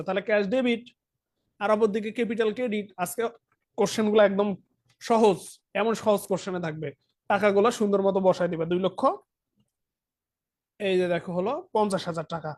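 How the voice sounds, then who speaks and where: A man's voice: high voice, a little mellow. A young man with a Bangladeshi Bengali accent, teaching an accounting lesson online. He talks straight to his students and keeps asking whether they follow. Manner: talks directly to students, asks frequent check questions. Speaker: accounting tutor. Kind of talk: online lesson, explaining while writing on a tablet.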